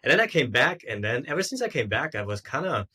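A man from Austria tells his story casually as a podcast guest, stringing phrases together loosely and informally with frequent "like" and "sorta". His mid-range voice is very animated and sharp, and he talks fast.

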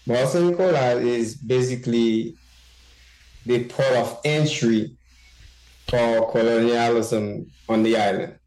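A man from Haiti speaks as an interview guest, working through his answers slowly with frequent fillers and restarts. His voice sits at an ordinary pitch, and the recording carries a roomy echo. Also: fairly even intonation, darkish tone. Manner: halting, many fillers and restarts. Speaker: guest journalist. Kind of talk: interview conversation.

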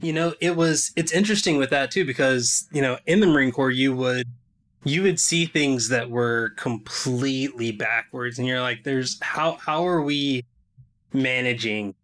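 A young man hosts a podcast in a relaxed, conversational way. His voice is bright and a little tense. He talks loosely, with quick asides and the odd laugh, at a middling pitch. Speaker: podcast host. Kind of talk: casual podcast chat.

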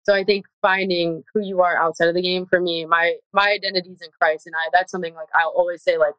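A young woman, a college softball player, talking earnestly in a casual interview and leaning on "like" a lot. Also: fairly low pitch, flat delivery, fast, clean tone, no echo, rough recording. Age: young adult. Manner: earnest, heavy use of "like", gets emotional.

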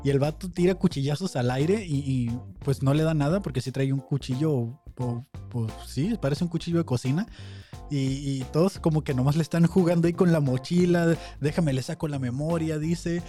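Mexican guy on a podcast mic reacting to vids, mellow low-key voice, lots of "o sea", a bit high. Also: brisk, faint music behind. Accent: Mexican Spanish. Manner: chatty, incredulous, many "o sea" fillers. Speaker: podcast host. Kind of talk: casual reaction commentary. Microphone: close studio mic.

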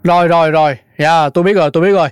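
A middle-aged man plays a fussy, joking apartment building manager who is quick to panic. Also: fairly high pitch, steady tone, clean tone, faint music behind, close to an everyday voice. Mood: relieved. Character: fussy older male building manager, jokey.

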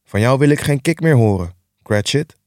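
A man voicing a grumpy, stingy old miser in an audiobook reading, with a curt, gruff and dismissive delivery. The recording is dry and close. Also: medium pitch, lively intonation, moderate pace, darkish tone, dry recording, natural voice. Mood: scornful.

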